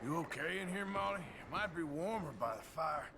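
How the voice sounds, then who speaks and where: An actor playing a gruff, rough-edged outlaw gunslinger who talks in a gravelly, plainspoken, concerned way. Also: male voice, on the high side, lively intonation, moderate pace, background noise. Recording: video game audio, clear camp ambience behind.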